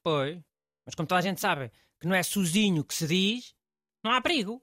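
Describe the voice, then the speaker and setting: A man's voice: high voice, expressive, a little fast, sharp tone, dry recording, studio quality. A man with a European Portuguese accent, playing a blunt know-it-all male host in comic scripted banter, offhand and teasing. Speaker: show host.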